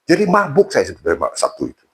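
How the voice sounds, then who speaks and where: A man's voice: fairly high pitch, huge pitch swings, quick pace, slightly rough. A man telling a personal story casually in an interview, with frequent fillers and restarts. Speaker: interview guest.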